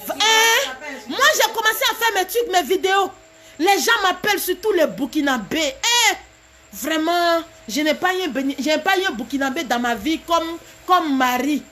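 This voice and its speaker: Very high-voiced woman. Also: fairly bright tone, a little hiss or hum. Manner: emphatic, repetitive, laughing between phrases. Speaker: live video host. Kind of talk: live stream monologue.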